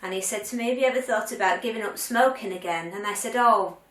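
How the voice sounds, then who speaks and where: A woman's voice: mid-range voice, fast talker. Older lady vlogging to camera, chatty, lots of ums, sounds a bit far off in an echoey room. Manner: chatty and candid, with frequent ums and restarts. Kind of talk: casual chat to camera. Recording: roomy sound, mic at a distance.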